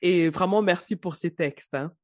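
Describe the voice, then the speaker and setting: A woman's voice: fairly low pitch, no room sound. A woman hosting an interview, full of admiration, who keeps restarting her sentences as she searches for words. The sound is dry and close to the mic. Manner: admiring, halting with many restarts. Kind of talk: interview conversation.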